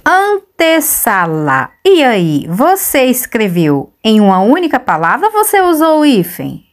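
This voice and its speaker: Brazilian woman teacher dictating slowly. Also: fairly high pitch, wildly swooping pitch. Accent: Brazilian Portuguese. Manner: slow, clear dictation with drawn-out words; chatty and questioning with the viewer. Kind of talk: dictation and grammar lesson.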